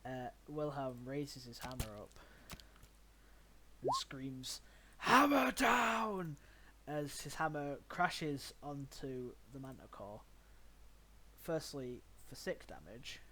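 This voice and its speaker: Rambling young game master. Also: male voice, mid-range voice, slow pace, fairly bright tone, a little hiss or hum. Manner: rambling, filler-heavy, laughs at his own narration. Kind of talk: narrating a tabletop game.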